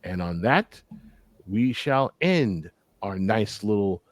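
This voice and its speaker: A man's voice: fairly low pitch, expressive, slow, no room sound. Man, middle-aged, podcast host, blunt, impassioned, repeats for emphasis, dry close sound. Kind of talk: casual sports podcast chat.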